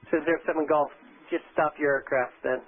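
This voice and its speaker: A man's voice: fairly high pitch, steady tone, fast talker. A man working as an air traffic controller, giving clipped, firm instructions over a radio transmission with static bursts. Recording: tinny radio line with static.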